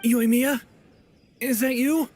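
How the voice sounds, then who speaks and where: An actor playing a nervous, polite, apologetic fugitive in a video game, humble and hesitant. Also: male voice, very high voice, steady tone, takes it slowly, darkish tone, a little hiss or hum. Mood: anxious, sheepish.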